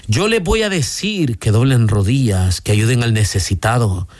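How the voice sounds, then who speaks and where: A man's voice: normal speed, dry recording, close to an everyday voice. A man voicing a sly, patient male demon who tempts people to put things off. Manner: calm, sly and low.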